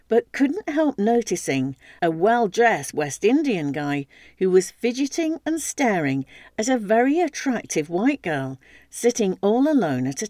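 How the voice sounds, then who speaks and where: A woman narrating a story aloud with steady, lively storytelling. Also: mid-range voice, dry recording, studio quality.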